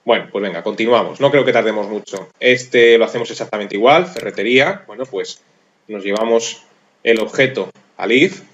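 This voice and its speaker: A man's voice: fairly low pitch, moderate pace, muffled recording. Methodical man narrating a screencast. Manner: methodical, thinks aloud, self-deprecating about his typing. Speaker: programming course instructor. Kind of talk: screencast tutorial walkthrough.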